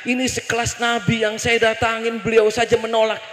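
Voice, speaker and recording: A man voicing a tearful, repentant sinful woman who pleads in a halting voice. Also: extremely high pitch, monotone, fairly bright tone, reverberant, in a large hall. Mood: despairing.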